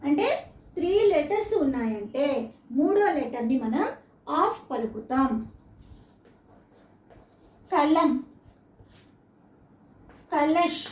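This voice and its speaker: Teaching children, this woman breaks words into syllables with patience and quizzes her listener as she goes. She pitches high, sounds very animated and a little mellow, and keeps a moderate pace. It's a classroom-style lesson captured with a distant mic and a roomy echo.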